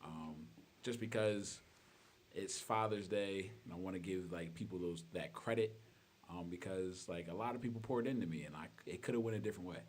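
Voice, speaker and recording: A man co-hosting a casual podcast, soft-spoken and reflective, using slang. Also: deep voice, a little fast, slight background noise. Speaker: podcast co-host.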